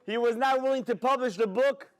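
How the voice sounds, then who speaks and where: A man giving a sermon as a rabbi, an animated storyteller who talks straight to his audience. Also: very high-pitched, brisk. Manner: animated storyteller, acts out dialogue, addresses audience directly.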